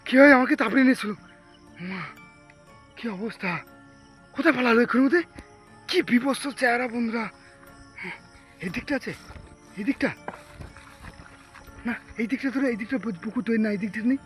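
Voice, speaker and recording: A man's voice: extremely high pitch, a bit bright. Jumpy frightened man on a ghost hunt. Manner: jumpy, frightened exclamations, repeated calls of mother; addresses viewers as friends. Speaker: vlogger. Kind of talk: ghost-hunting vlog.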